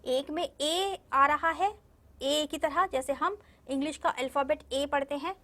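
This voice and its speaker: A woman teaching young children Hindi in a recorded video lesson, slowly stretching and repeating each word syllable by syllable and often checking whether they follow. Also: sits high, a bit bright. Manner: slow, drawn-out syllable-by-syllable pronunciation drills, repeating words; patient, coaxing, checks understanding with "ठीक है?". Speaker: primary school Hindi teacher.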